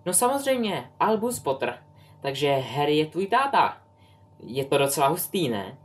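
A man's voice: medium pitch, lively intonation, slight background noise, natural voice. A man voicing a young woman in her twenties, an eager, talkative and tactless witch. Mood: cheerful.

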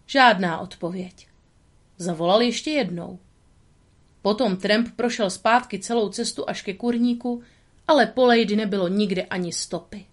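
A woman narrating a children's storybook aloud in a calm, steady reading voice. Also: mid-range voice.

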